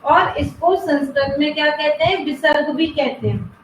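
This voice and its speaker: A woman teacher giving an online grammar class to schoolchildren. She asks the class questions, answers them herself, and draws out example words slowly. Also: high voice, steady tone, a little hiss or hum. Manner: slow, drawn-out spelling of example words. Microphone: video call. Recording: roomy, muffled online class audio.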